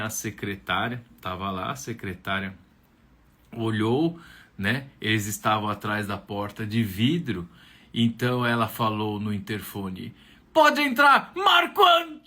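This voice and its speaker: A man with a Brazilian Portuguese accent, a camp storyteller telling a tale aloud in an animated way with tag questions. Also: on the low side, slow. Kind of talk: oral storytelling.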